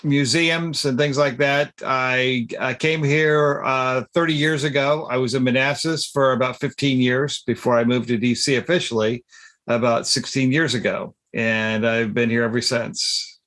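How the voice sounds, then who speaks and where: A man's voice: medium pitch, fairly even intonation, unhurried, fairly bright tone. Hesitant middle-aged man from Ohio. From southeastern Ohio. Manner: hesitant, with frequent fillers. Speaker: guest, artist and children's book author. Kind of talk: casual interview answers. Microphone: video call webcam.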